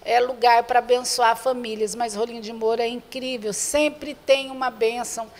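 With a Brazilian accent and a slightly high, darkish voice, an older woman heading an association invites the public to a charity event during an interview. Her intonation is fairly even and her pace moderate, and she often repeats herself while speaking directly to viewers. A handheld reporter's mic held before her captures reverberant sound from a bare-walled indoor room, with slight background noise.

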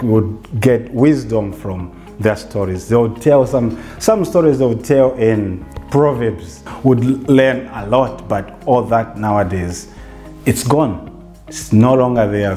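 A Zambian theatre facilitator in his forties speaks reflectively in a relaxed interview set in a bright living room. His voice is medium-pitched, and he often restarts and says "you know."

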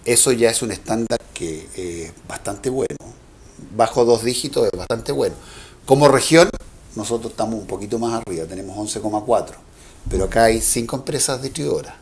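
Official explaining regulations, measured. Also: male voice, lowish voice, darkish tone. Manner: measured, technical, with fillers and self-corrections. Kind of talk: explanatory interview answers.

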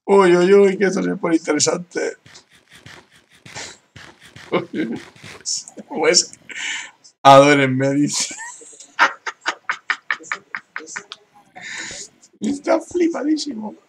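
A man's voice: sits high, expressive, drawn-out words, vocal fry, pauses often, slight background noise. A man from giving casual gameplay commentary, laughing often and reading other players' messages aloud. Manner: laughs often, reads out chat with "dice". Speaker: gaming youtuber.

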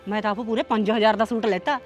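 A woman playing a boastful sister-in-law who argues quickly in a family drama. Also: medium pitch, soft background music, natural voice. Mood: bickering. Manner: bickering, animated.

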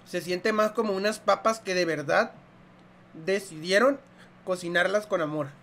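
A man's voice: sits high, normal speed, fairly bright tone. A young man with a Mexican accent, reviewing food on his vlog in a joking, profane, slangy way and chewing between lines. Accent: Mexican Spanish. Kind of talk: casual eating review vlog.

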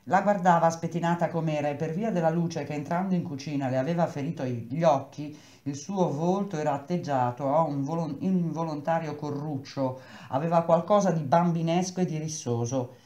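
A woman reading a novel aloud, acting out the dialogue with lively shifts in pitch. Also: fairly quick, dull audio. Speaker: reader. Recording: echoey room.

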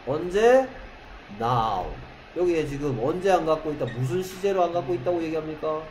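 A man with a slightly high voice teaches English grammar in a classroom, firing rhetorical questions at his students and drawing out English example sentences one word at a time. The room is echoey, with a faint hum behind him. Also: expressive, moderate pace, a little mellow.

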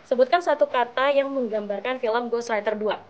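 A woman's voice: on the high side, normal speed, crowd noise. A woman casually hosting a game as the off-camera presenter, heard in slightly dull sound. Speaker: off-camera host. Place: indoor studio, off camera.

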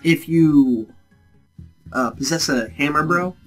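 A man's voice: a little high, takes it slowly, faint music behind. A young man giving casual gameplay commentary as co-host, explaining tips with hesitant restarts. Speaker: let's play co-host.

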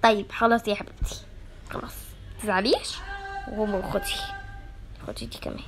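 A woman with an Egyptian Arabic accent voicing a calm, motherly female school principal in an animated doll-game story, consoling in a lowered, soft voice. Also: very fast, music in the background. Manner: soothing and motherly, with a firm edge.

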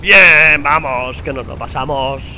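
A man's voice: on the high side, fast talker, sharp tone, slight background noise. A young man with a Spain Spanish accent commenting on his gameplay, swearing in frustrated outbursts and muttering to himself. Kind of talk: let's play commentary.

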